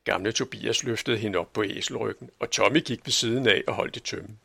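A man narrating a children's storybook in an expressive way. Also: on the low side, gravelly, husky, dry recording, studio quality. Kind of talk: storybook reading.

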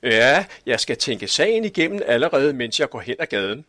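A man voicing a calm, good-natured police chief in a storybook reading, speaking in an unhurried, gently reasoning way. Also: medium pitch, dry recording, studio quality.

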